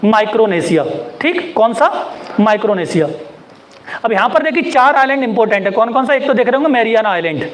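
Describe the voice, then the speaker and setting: A man's voice: very high voice, lively intonation, a little fast, slight background noise. A male teacher giving a geography lecture, asking his class repeated questions and joking about how names get mispronounced.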